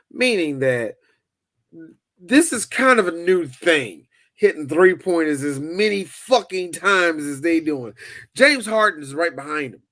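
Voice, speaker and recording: A man co-hosting a casual sports podcast, loud and profane, joking with his co-host. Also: on the high side, no room sound.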